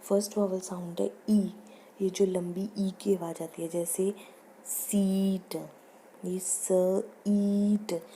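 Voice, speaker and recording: A woman teacher giving a recorded lecture on pronunciation, reading lines slowly and explaining them in Hindi. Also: lowish voice, flat delivery, mellow, slight background noise. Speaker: teacher educator.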